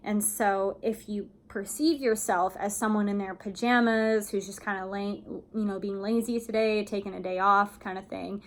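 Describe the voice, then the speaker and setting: A woman's voice: medium pitch, moderate pace, hardly any pauses. A woman casually explaining acting, talking in a chatty way with many fillers. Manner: chatty, many fillers, acts out excited phone calls.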